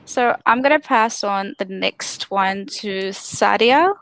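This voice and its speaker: A woman's voice: medium pitch, takes it slowly, a bit bright, no room sound. Young woman from Tanzania, earnest testimony over a video call, dry close sound. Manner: earnest, many fillers and restarts. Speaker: activist speaker on a live stream. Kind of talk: personal testimony on a live stream.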